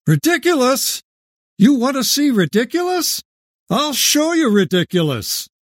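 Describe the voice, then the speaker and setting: An actor playing a cranky, defiant old great-grandfather in an audio drama, gruff and scornful, sometimes bursting into shouts. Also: extremely high pitch, very animated, unhurried, no echo, studio quality, full character voice. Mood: scornful, outraged. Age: older.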